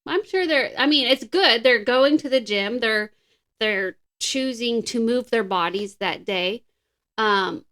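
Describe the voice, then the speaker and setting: A woman's voice: fairly high pitch, fairly bright tone. A woman co-hosting a casual podcast, upbeat and explaining exercise tips. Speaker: podcast co-host.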